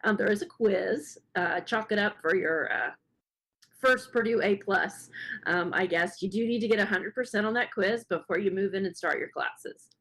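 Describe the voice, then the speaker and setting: A woman welcoming new students on a video call, hoarse and losing her voice, earnest and with many fillers. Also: medium pitch, normal speed, a bit bright, low-quality recording. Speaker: faculty speaker at student welcome session. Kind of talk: welcome address on a webinar.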